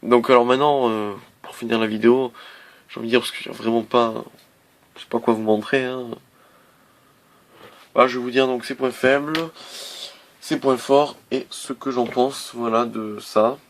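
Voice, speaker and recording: A man's voice: medium pitch, steady tone, normal speed, pauses often. A man casually reviewing a laptop on camera, hesitant, with many fillers and restarts. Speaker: tech reviewer.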